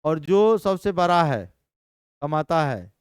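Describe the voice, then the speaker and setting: A man teaching chemistry in a live class, energetic and constantly quizzing his students. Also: fairly high pitch, slow, clear, resonant tone, no room sound, clean studio sound.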